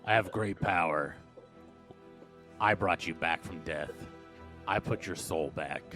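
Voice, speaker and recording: A game master voicing a booming otherworldly entity that speaks inside a character's mind, in slow, commanding pronouncements. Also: male voice, sharp tone, faint music behind, heavily acted. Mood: ominous. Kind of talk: tabletop game narration.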